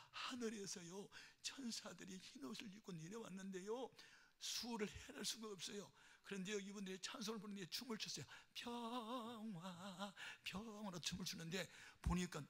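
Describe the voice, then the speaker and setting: A male pastor preaching a sermon in a dramatic storytelling style, swinging between shouts and hushed tones. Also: high voice.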